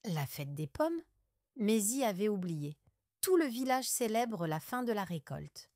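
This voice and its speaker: Woman audiobook narrator, deliberate and clear, slow learner pacing. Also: mid-range voice, big pitch swings, a little mellow, no room sound, clean studio sound.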